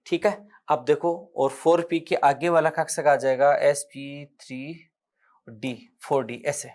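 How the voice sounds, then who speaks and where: A man's voice: on the high side, little pitch movement, unhurried, a little mellow. Man teaching chemistry, counting aloud. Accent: Rajasthani. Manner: explains step by step, counts electrons aloud, corrects himself. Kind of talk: exam-prep lecture at a board.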